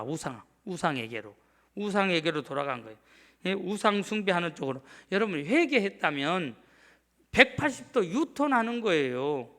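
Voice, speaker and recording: A man's voice: sits high, fairly bright tone. A middle-aged male pastor preaching a sermon emphatically, often asking the congregation to answer back. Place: church sanctuary.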